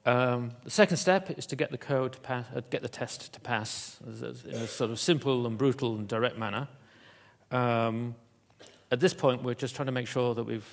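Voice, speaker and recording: A keynote speaker with a gravelly, mid-range voice addresses a conference auditorium. He talks in fits and starts, with plenty of fillers and restarted sentences.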